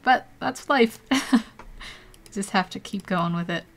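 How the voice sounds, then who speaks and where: A young woman hosts an art livestream from home on a desk mic, chatting casually through a tutorial. She's chatty and giggly and rambles between steps, speaking slowly in a medium-pitched voice.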